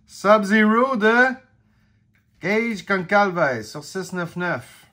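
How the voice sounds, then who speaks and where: Excitable Québécois man opening cards. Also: high voice, extremely slow. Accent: Québécois French. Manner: excitable, exclaiming, slangy. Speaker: card collector opening packs. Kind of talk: casual card-opening vlog.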